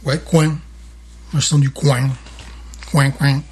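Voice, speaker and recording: A man's voice: mid-range voice, flat delivery, slow pace, breathy edge. A man with a Parisian French accent chatting casually as co-host of a beer tasting podcast, enthusiastic and often repeating himself.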